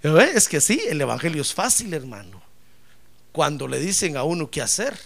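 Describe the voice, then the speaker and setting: A man preaching a lively sermon as pastor, acting out little dialogues and swinging from loud to soft. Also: fairly high pitch, moderate pace, creaky.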